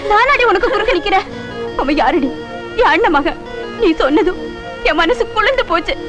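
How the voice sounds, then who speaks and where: A middle-aged woman playing a mother who scolds and pleads quickly in a film scene. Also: very high-pitched, lively intonation. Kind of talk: Tamil film dialogue. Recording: film soundtrack with loud music behind. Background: film score music.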